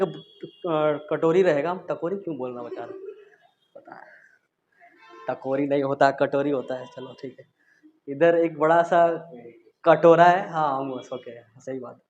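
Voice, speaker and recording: A man's voice: on the high side, highs cut off. A man teaching physics in a classroom, chatting casually as he quizzes students and demonstrates with objects. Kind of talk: classroom lecture.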